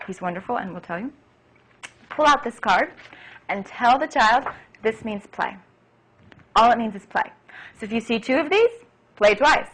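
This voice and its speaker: Woman piano teacher, eager and chatty, a little breathy, mid-range voice. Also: medium pitch, rough recording. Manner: enthusiastic, chatty, acts out child-friendly phrases. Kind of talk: instructional demonstration.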